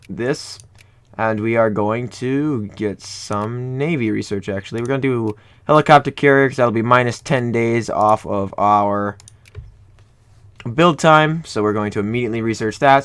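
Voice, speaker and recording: A man's voice: mid-range voice, a bit bright. A young man from Ohio, casually commenting on a strategy game he is playing, rambling and correcting himself as he goes. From Ohio, USA. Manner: rambling, self-correcting, jokey. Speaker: gaming YouTuber. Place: home room.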